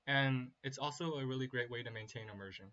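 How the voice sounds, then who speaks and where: Casting: male lecturer, mid-pitched and bright, explaining informally with casual asides; dull recording. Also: quick pace. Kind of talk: lecturing on game design, semi-casual.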